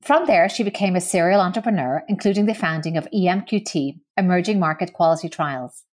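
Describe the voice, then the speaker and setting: A woman host reading a scripted intro and asking curious, measured interview questions. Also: fairly low pitch.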